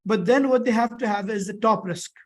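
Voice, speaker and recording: A sore throat gives this instructor's high-pitched voice a thick, strained quality as he talks a little fast. He is teaching an online or classroom course, explaining things conversationally and repetitively. Short tag questions come often to check understanding.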